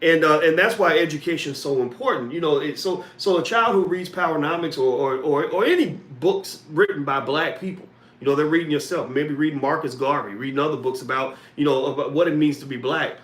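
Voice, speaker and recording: A male host talks earnestly and conversationally while he interviews a guest over a video call. His voice sits somewhat high. The audio carries a roomy echo. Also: brisk, hardly any pauses, a bit bright. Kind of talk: interview questions and commentary.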